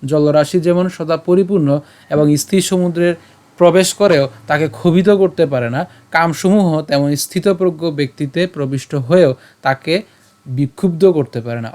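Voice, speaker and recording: A man with a slightly high voice leads a pronunciation lesson on scripture verses. He breaks every word into syllables, explains each sound, and chants the verse lines slowly. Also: a little mellow. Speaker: Gita recitation teacher.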